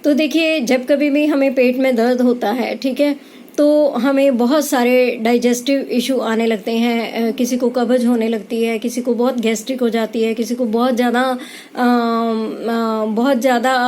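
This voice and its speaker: A woman giving a calm spiritual explainer talk as a tarot reader, pausing often with hesitations. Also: high-pitched.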